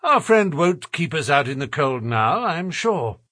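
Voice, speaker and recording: A man voicing a genial, confident gentleman detective in an audiobook story. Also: fairly high pitch, sing-song, unhurried, no echo, studio quality, voice pushed up, heavily acted. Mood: amused. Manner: genial, assured.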